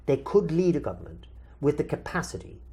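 With a voice that runs a little high, an Irish host leads a relaxed conversation and responds to questions sent in by viewers. His lively but measured manner includes drawn-out emphasis.

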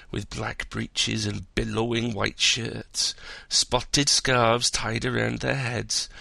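A man voicing an excitable adult man who tells a wild tale in a breathless, rising voice. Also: medium pitch, creaky, no room sound, exaggerated voice.

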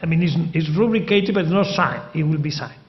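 Halting, higher-pitched man on a debate panel. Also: muffled recording. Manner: deliberate, halting phrasing. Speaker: panel speaker. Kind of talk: public debate answer.

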